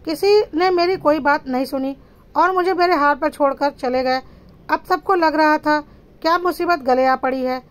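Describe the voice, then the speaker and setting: A woman's voice: sits high, normal speed. A woman narrating a dramatic family story in the first person, in a firm and defiant manner.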